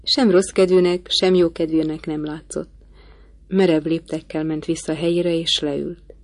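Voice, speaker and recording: Woman audiobook narrator, measured storytelling, lowish voice, dry close sound. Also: flat delivery, darkish tone, no echo. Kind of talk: scripted narration.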